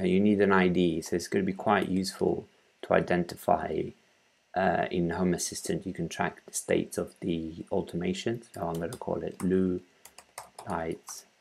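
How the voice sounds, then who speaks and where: A tutorial presenter with a low, gravelly voice talks flatly through an informal screencast, explaining things step by step. He halts and thinks aloud as he works. He's indoors in a small room at home.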